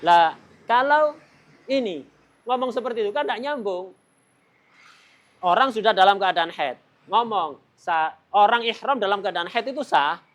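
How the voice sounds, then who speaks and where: A man's voice: high-pitched, normal speed, fairly bright tone. A man teaching a religious study lesson, often cutting off mid-word to repeat it and putting rhetorical questions to his listeners. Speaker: Islamic teacher.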